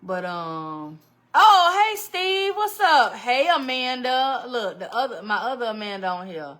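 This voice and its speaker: Chatting with her livestream audience, this host greets viewers by name, laughs often and keeps things casual and animated. She speaks at a measured pace in a fairly high, fairly bright voice that is very lively.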